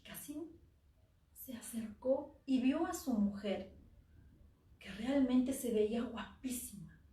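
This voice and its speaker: A woman telling a dark tale on a theater stage, dropping at times to a near-whisper for effect. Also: fairly high pitch, lively intonation, takes it slowly. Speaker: oral storyteller. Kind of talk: dramatic live story narration. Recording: echoey theater, from far off the mic.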